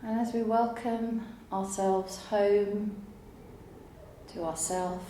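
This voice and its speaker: A woman with a mid-range voice teaches yoga nidra, guiding a relaxation meditation in a calm, soothing, unhurried manner with long pauses. The recording has a roomy echo and faint background noise.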